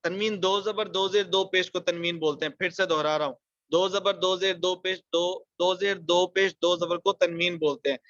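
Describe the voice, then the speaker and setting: A man with a fairly high voice teaches an online recitation class. He explains quickly, then stretches out each example word slowly. The sound is dry and a little dull, like a lo-fi recording. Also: steady tone, fairly bright tone, no room sound. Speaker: Quran tajweed teacher.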